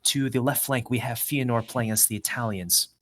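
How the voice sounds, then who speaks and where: A man co-casting a live strategy game, brisk and matter-of-fact. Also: mid-range voice, fairly bright tone. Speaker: esports co-caster.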